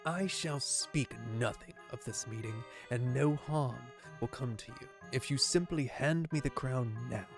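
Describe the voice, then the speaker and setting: Casting: a man as a grave, honorable game swordsman; low, gravelly growl, formal old-fashioned threats. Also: measured pace, few pauses, over music, close to an everyday voice. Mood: menacing, grave. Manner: grave, archaic, formal delivery. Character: stern, honorable swordsman reading out threats to a knight. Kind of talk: video game dialogue read aloud.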